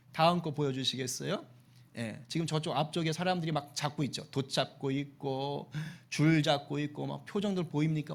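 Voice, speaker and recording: A man, a senior pastor, preaching a Sunday sermon in a conversational and lively way, acting out voices in his storytelling. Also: a little high. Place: church sanctuary.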